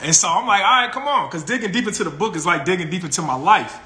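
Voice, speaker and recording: A man's voice: high-pitched, expressive, fast talker, bright, forceful tone, reverberant. A man, hosting a casual live stream from his phone and greeting viewers with an upbeat, laughing manner. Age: 40s. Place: small room with colored lights, indoors. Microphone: phone camera close up.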